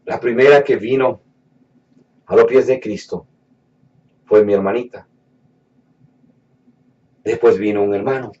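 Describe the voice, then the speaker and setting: A man giving a fervent sermon testimony, dropping to hushed low lines and rising to raised fervent ones, slowing down to stretch words for emphasis. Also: fairly even intonation. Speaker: preacher giving his testimony. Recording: distant mic, dull lo-fi sound.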